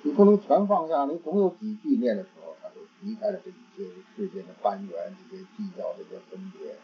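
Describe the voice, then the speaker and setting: A man giving a Buddhist dharma talk, halting and repeating words as he searches for phrasing. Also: sits high, very animated, a little hiss or hum. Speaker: Buddhist teacher. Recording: dull lo-fi recording.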